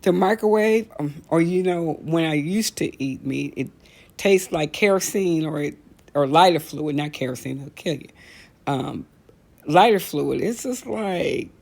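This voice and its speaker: This middle-aged American woman's voice sits low, with vocal fry and a measured pace, as she hosts a casual talk show. Her storytelling rant is comedic, blunt, animated, and colloquial, with phrases repeated for emphasis.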